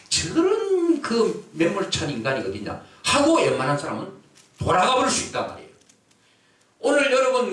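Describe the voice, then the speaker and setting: A man preaches to his congregation with great animation, shouting out his examples and asking for answers. His voice sits a little high and leaps around in pitch. He is picked up from across a strongly echoing hall. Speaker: pastor. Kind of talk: sermon. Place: church or prayer house hall. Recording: echoey hall, voice from far off mic.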